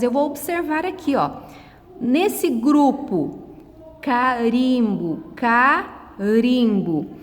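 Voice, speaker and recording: A middle-aged Brazilian woman with a slightly high voice teaches a step-by-step lesson in a large hall, patiently drawing out her words one at a time. There's a little background noise.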